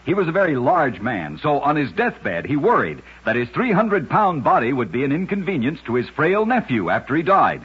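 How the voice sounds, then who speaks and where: With huge pitch swings and hardly any pauses, a man with a higher, slightly rough voice reads scripted short stories at a moderate pace. He narrates oddities for a radio show in an emphatic, dramatic style, heard through a dull, lo-fi old radio recording.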